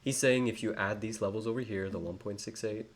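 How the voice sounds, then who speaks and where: A young trading educator speaks a little fast, his English-accented voice low and steady. His live tutorial rambles with plenty of fillers and self-corrections, and there's faint background noise.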